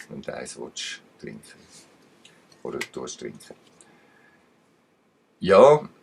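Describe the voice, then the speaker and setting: A channel commentator with a low male voice and a Swiss German accent rambles emphatically, drifting into digressions in uneven bursts. There's slight background noise.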